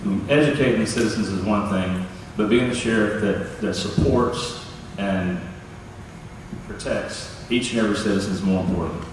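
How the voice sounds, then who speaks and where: A middle-aged man with a low voice speaks at a candidates' forum, often stumbling and restarting. His handheld mic sound bounces around a large reverberant hall and is picked up from across the room with clear background hiss. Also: moderate pace. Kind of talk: public forum answer. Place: large church hall, indoors. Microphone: handheld mic, filmed from far. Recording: echoey hall from far off, hiss.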